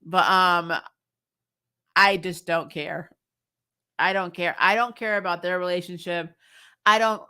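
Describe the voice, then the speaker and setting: A woman hosts a recap stream, offering casual, opinionated review chat in a blunt, sarcastic and emphatic way, swearing freely and sounding exasperated. Her lowish voice is pushed and bright with a clean tone.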